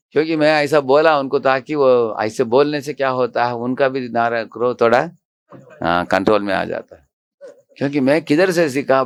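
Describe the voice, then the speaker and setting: A man who is a monk and temple president, giving a devotional storytelling lecture. He acts out the dialogue and puts questions to the audience. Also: mid-range voice. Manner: animated, acts out quoted dialogue.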